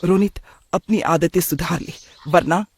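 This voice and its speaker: A man's voice: a little high, measured pace, slightly rough, no room sound. A man voicing a strict, middle-aged traditional father who scolds his son in a cartoon story. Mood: scolding. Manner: scolding, stern. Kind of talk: cartoon voice acting.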